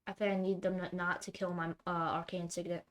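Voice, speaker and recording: With a fairly low, fairly bright voice, this woman talks briskly and in a level tone while streaming her card game. She narrates her moves to herself as she goes, now and then bursting out in frustration over her poor luck.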